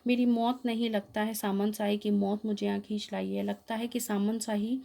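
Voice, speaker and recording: A defiant male freedom fighter declaims his proud lines to his captors, as a woman reader gives him a voice. The tone is mellow and even. It has little pitch movement. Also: normal speed, creaky, close to an everyday voice.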